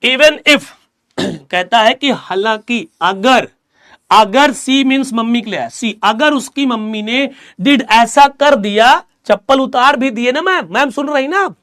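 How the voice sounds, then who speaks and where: A young man teaching an English chapter to students, reading lines slowly and explaining them, repeating key words as drills. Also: very high voice, fairly bright tone. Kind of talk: explaining a textbook chapter in class.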